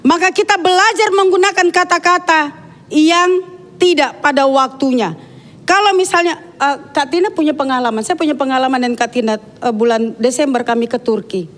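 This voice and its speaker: A woman's voice: high voice, normal speed. A woman giving a sermon in a church, talking frankly and chattily, with many asides to the congregation. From Dayak. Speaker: preacher.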